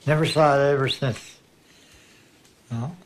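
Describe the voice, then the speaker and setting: A man being interviewed, recalling a sighting in plain, halting phrases with nonstandard grammar. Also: mid-range voice, slight background noise. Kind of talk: casual spoken recollection.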